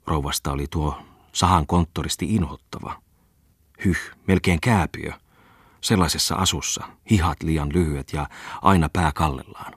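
A man narrating a classic novel as an audiobook in a measured, even way. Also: rumbling low, husky, no room sound, clean studio sound.

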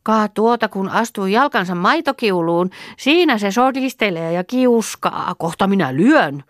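A woman voicing a quick-tempered little farm girl who speaks sharply and impatiently, in a storybook reading. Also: mid-range voice, expressive, no echo, studio quality, voice pushed up, close to an everyday voice.

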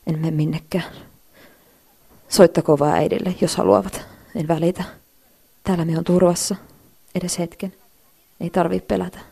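A woman playing a bullied, anxious teenage schoolgirl who talks quietly to herself in a brooding inner monologue. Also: on the low side, natural voice.

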